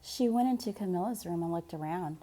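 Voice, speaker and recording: A woman narrating a children's picture book like a librarian, with deliberate, dramatic phrasing. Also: lowish voice, warm tone, soft background music. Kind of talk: expressive children's storybook narration.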